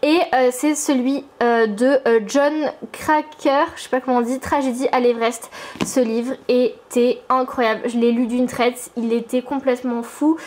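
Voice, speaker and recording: Young French woman, high voice, chatty at-home vlogger, upbeat and full of fillers. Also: steady tone, moderate pace, a little mellow. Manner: chatty, enthusiastic, filler-heavy. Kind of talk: casual chatty vlog. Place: her apartment.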